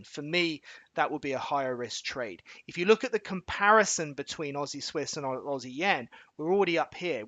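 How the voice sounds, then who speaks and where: A man's voice: on the high side, a bit bright, no room sound. Chatty man walking through charts, dry sound. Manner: quick, chatty, explains step by step and checks in with viewers; folksy analogies and filler-laden restarts. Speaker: trading educator hosting a live webinar. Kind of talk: live educational chart walkthrough.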